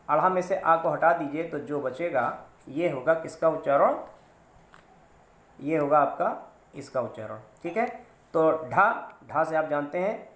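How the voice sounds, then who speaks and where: A man teaching a grammar lesson, explaining slowly and repeating sounds and terms with stress. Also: on the high side, fairly bright tone. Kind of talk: classroom-style grammar lesson. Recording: echoey room.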